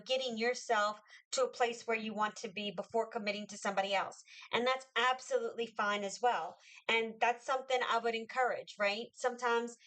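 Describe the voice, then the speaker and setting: A woman's voice: a little high, fairly bright tone, rough recording. A woman reading tarot cards for viewers in a chatty, reassuring way, with many fillers and restarts. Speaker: tarot reader.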